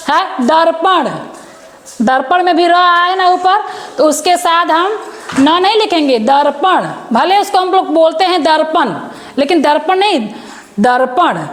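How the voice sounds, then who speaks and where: A woman teaching a grammar lesson to children, patiently repeating words and asking them questions. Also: high voice.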